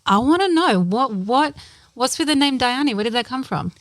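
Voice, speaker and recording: A woman's voice: high voice, animated, moderate pace, no echo. A woman hosting a talk show, bubbly and playful, sprinkling in Spanish words as she interviews her guest. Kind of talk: casual interview chat.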